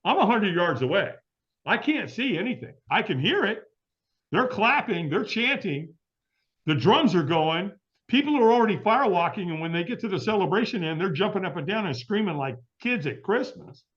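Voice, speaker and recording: A middle-aged man, a guest on an interview show, tells a story vividly and with lots of energy, acting out what people said to him and laughing often. His fairly bright voice sits a little high, swings up and down a lot, and moves at a moderate pace, very animated. The audio is dull and lo-fi.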